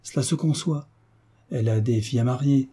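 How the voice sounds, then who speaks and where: A man's voice: medium pitch, fairly quick, dark tone, husky, natural voice. A man voicing a devoted, fawning governess in an audiobook, fussy and deferential. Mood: flustered. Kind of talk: audiobook character reading.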